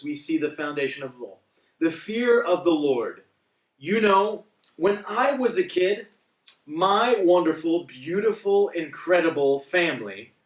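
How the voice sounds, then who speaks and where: Slow, animated preacher in an echoey room. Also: male voice, on the high side. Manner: humorous storytelling with wry asides. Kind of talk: devotional Bible teaching. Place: church. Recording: echoey room, speaker far from mic.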